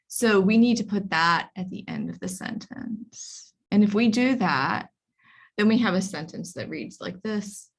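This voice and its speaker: A woman's voice: medium pitch, a little slow. A woman teaching an online writing workshop, explaining step by step with frequent ums and restarts. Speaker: library workshop instructor. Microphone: video call.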